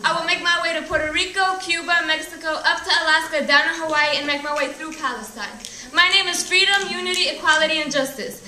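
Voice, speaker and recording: A woman's voice: very high-pitched, steady tone, fast, sharp tone. A teenage girl performing spoken word poetry at a student slam, with an impassioned delivery that runs through lists. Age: teens. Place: school hall. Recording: echoey hall from far off.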